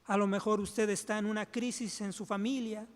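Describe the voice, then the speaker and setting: A man's voice: high-pitched, flat delivery, moderate pace. A male pastor closing a sermon and leading a fervent prayer in a church, repeating the words for God between every phrase. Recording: music playing behind the voice.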